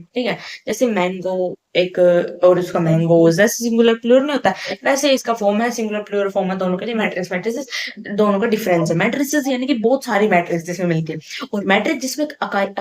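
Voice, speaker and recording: A woman teacher talking to her students in a relaxed, chatty lecture. She keeps asking questions and then answering them herself. She drops English terms into her explanations. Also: mid-range voice. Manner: mixes English terms into speech. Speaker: online teacher. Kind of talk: casual classroom lecture.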